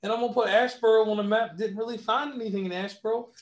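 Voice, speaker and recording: High-voiced West Virginian man in an echoey room. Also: racing. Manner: animated storyteller, repeats words for emphasis, laughs often. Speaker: podcast co-host. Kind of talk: casual chat.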